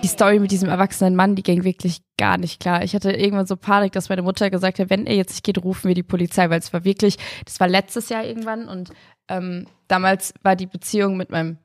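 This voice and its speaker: A woman's voice: mid-range voice, little pitch movement, no echo, clean studio sound. A young woman telling a story casually at home, chatty and full of fillers. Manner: quick, chatty, lots of fillers and quoted dialogue. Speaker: guest.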